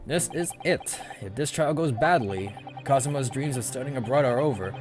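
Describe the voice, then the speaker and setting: A man's voice: mid-range voice, moderate pace, over music, lightly acted. A man voicing an anxious young male defendant in a video game, earnest and hesitant. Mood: grave, worried.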